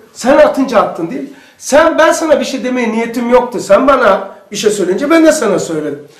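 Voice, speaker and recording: High-voiced man giving an echoey religious lesson. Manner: animated storytelling, acts out quoted speech. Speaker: religious teacher.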